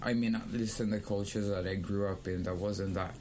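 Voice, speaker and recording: A young man who grew up in Kenya, co-hosting a casual discussion and speaking in a thoughtful, measured way with pauses. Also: on the low side, fairly even intonation, darkish tone, a little hiss or hum. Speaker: podcast co-host.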